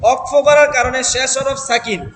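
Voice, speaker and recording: A man's voice: very high-pitched, steady tone. A man teaching Quran reading in a classroom with a Bangladeshi Bengali accent, patiently quizzing students and chanting examples. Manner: patient, questioning drills, chants examples slowly. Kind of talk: classroom recitation lesson. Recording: noisy room recording.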